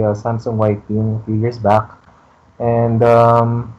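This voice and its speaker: A man chatting on an esports podcast, talking hesitantly with many restarts and fillers, heard over a low quality stream. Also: a little mellow, dull audio. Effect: low quality stream audio. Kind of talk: casual podcast chat over a call.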